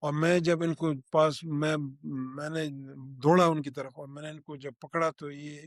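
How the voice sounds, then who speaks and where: An older man tells what he saw in a halting spoken recollection, full of restarts and pauses. His voice sits fairly high for a man. The recording is close and dry, with no room sound. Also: flat delivery, no echo. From Pakistan. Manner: halting, with many restarts and fillers. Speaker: eyewitness.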